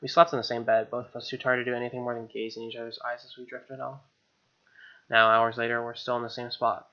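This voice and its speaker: Here a young man in a mid-range voice reads visual novel narration at a quick pace with a level tone, playing the casual let's player who throws in asides and gamer slang. The audio is slightly dull, with soft game music underneath.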